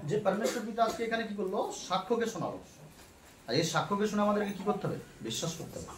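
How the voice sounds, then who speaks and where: A man's voice: high voice, lively intonation, quick pace, slight background noise. A man giving a fervent spoken testimony at a church meeting, repeating his words of praise. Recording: echoey hall, mic off at a distance.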